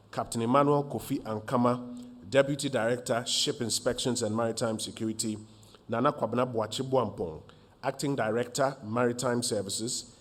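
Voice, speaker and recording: A man, a government minister opening a press briefing in a formal, measured way with frequent fillers. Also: mid-range voice.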